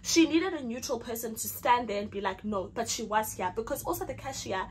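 In a rough recording with a slight hiss or hum, a young South African vlogger, a Zulu speaker, briskly tells a storytime story in a fairly high voice. She acts out her own lines with lots of animation.

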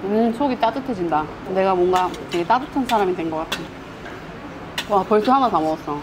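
A woman's voice: medium pitch, animated, fairly quick, background noise. Woman talking through a face mask. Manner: chatty, murmuring to herself. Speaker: announcer and mukbang vlogger. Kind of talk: casual vlog chat while eating. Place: market noodle stall. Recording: clear music in the background.

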